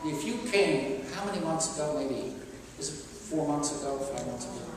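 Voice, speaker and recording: A man's voice: fairly high pitch, expressive, moderate pace, a crowd in the background. An older man, a priest giving a homily at a pulpit, talking conversationally with fillers and restarts. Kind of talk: sermon. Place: large church. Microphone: stand mic at a pulpit. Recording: echoey church from a distant camera.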